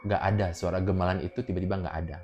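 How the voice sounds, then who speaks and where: A man telling a horror story in a casual spoken way, dramatic, sinking to hushed murmurs and then breaking into loud exclamations. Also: sits low, flat delivery, very fast, dull audio, a little hiss or hum.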